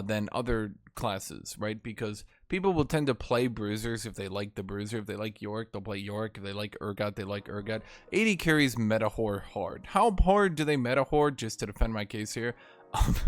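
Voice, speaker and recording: A man hosts a gaming video, ranting with sarcastic, salty commentary in a slightly hoarse, mid-range voice.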